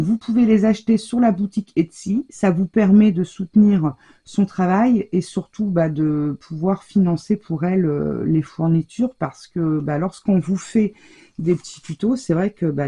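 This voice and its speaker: Her voice is on the low side, mellow and husky, moving at a normal speed. As host of a craft channel, she chats while going through her mail at home, gushing over each card and dropping in lots of little fillers. The clip comes from an overhead table camera in her craft room at home, shutter half closed.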